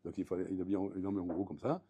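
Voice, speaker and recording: A man giving a Torah class as a rabbi, telling stories with acted-out voices and building up to loud, emphatic peaks, often calling out to his listeners. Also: deep voice, racing, breathy edge. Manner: lively storytelling, acting out voices, rising to loud emphatic peaks; French mixed with Hebrew terms, repeated address to the audience. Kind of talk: storytelling Torah lesson.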